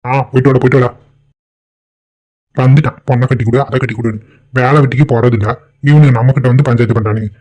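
A man voicing a greedy middle-aged village thief, gruff and boastful. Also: medium pitch, steady tone, quick pace, long pauses, warm tone, natural voice. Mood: scheming. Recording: dull lo-fi audio.

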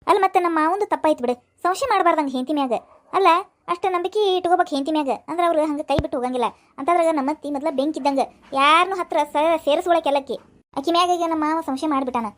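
A woman's voice: high voice, very fast, natural voice. A woman voicing a dutiful young daughter-in-law in a cartoon, chattering and pleading with a North Karnataka accent. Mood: chatty pleading. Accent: North Karnataka Kannada.

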